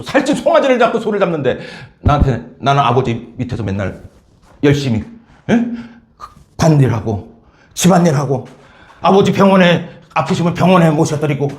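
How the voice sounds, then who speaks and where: A man voicing a resentful adult elder son who complains loudly and huffs at his father in a sermon. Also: extremely high pitch, roomy sound, pitched above the performer's own voice.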